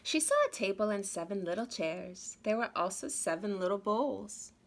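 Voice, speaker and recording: A woman's voice: mid-range voice, moderate pace. A woman reading a children's story aloud expressively, as if to young listeners. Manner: addresses young listeners with questions. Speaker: storybook reader.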